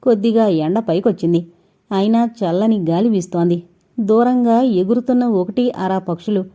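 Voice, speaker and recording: A woman narrating a suspense audio novel with steady, suspense-building storytelling. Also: mid-range voice, moderate pace. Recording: dull lo-fi recording.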